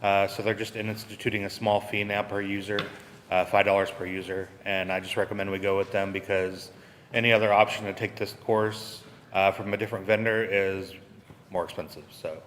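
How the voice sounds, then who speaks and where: A man's voice: on the low side, level tone, a little fast, a bit bright. A man informally explaining an item at a public meeting. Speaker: county staff presenter. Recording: reverberant room, faint noise.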